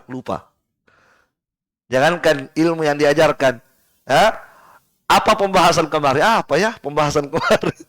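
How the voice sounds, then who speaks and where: A male preacher with a fairly high voice leads a live study session in a prayer room, firing rhetorical questions at his listeners and answering them himself. Now and then he slows into a chanted Arabic recitation. The sound is close and dry, with almost no room echo. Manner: lively and rhetorical, keeps asking the room "kenapa?" and answering himself. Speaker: ustadz teaching Quran exegesis. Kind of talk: live sermon-style study class.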